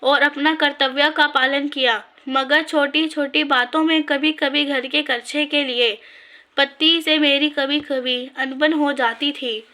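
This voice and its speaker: A woman reading a story aloud in a measured, scripted narration. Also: high voice, fairly even intonation, sharp tone.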